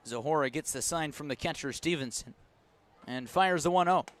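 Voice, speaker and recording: Live from an outdoor ballpark, an American man does radio play-by-play, drifting from pitch calls into conversational asides and back. His delivery is a bit bright and at normal speed.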